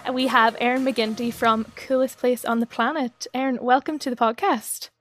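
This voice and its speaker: Higher-voiced Irish woman hosting a podcast. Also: fairly even intonation, normal speed, faint music behind. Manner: informal, loosely phrased. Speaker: podcast host. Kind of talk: casual chat.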